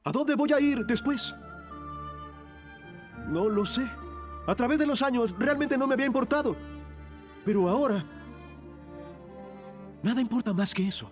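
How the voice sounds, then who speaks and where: Dying thief, grave intense monologue, high voice, faint music. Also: male voice, expressive, normal speed, long pauses. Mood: searching. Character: dying repentant male thief on a cross. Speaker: narrator of a monologue. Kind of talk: dramatic film monologue, dubbed.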